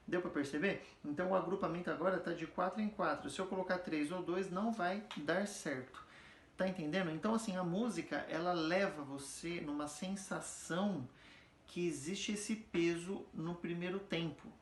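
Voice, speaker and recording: A man's voice: high voice, slight background noise. A man giving a casual music theory lesson, patiently explaining and often checking that the students follow. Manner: explains patiently, checks understanding with frequent tag questions; sings or chants example words slowly to demonstrate stress. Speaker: music teacher. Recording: echoey room.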